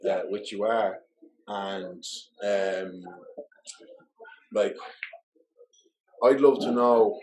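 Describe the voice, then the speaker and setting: A man's voice: lowish voice, extremely slow, pauses often, a little mellow, slight background noise, poor audio. A man hosting a casual podcast interview, asking eager questions and swearing freely. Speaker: podcast host.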